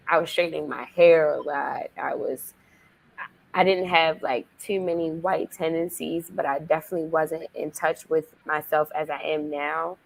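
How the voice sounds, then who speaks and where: A woman's voice: deep voice, gravelly, rough recording. A young woman college student on a discussion panel, speaking in a reflective, earnest way. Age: young adult.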